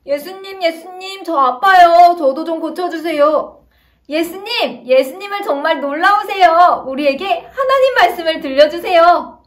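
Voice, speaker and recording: Picture a crowd of sick townspeople begging for healing in a storybook told to small children, as a woman puts them on. The voice is very high and full of needy begging. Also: animated, measured pace.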